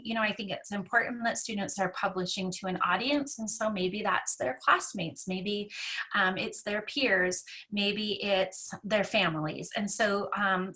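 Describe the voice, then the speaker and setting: A woman teacher giving a conference presentation, talking quickly and filling pauses with um. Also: mid-range voice, sharp tone. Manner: rushed, fast-talking, many filler ums.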